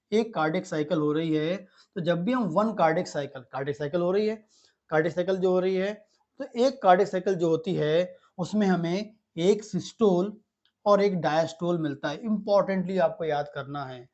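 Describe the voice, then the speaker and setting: A man's voice: sits high, a little mellow. A male teacher giving a classroom lecture, repeating key terms and asking himself questions before answering them. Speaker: physiology teacher. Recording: slightly muffled lo-fi audio.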